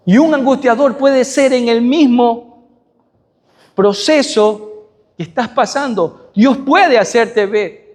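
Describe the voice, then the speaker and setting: A man preaching a sermon who asks his congregation rhetorical questions and swings from loud high peaks to soft low endings. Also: takes it slowly. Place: church sanctuary. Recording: long reverb of a church hall.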